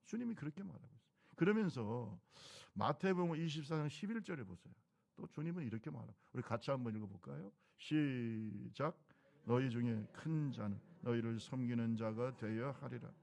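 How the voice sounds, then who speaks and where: Gravelly Korean pastor preaching conversationally. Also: male voice, mid-range voice, a little fast, a little mellow. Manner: conversational preaching with rhetorical questions. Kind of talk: sermon. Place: church sanctuary.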